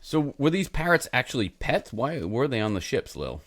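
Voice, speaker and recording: A man's voice: mid-range voice, very animated, normal speed, a bit bright. A man hosting a podcast in casual chat, easygoing, asking his co-host questions. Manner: easygoing, asks questions, laid-back.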